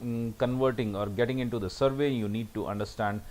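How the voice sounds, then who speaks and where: A man's voice: mid-range voice, steady tone, brisk, a little mellow, rough recording. A man giving a recorded lecture over slides, often saying "okay" between points.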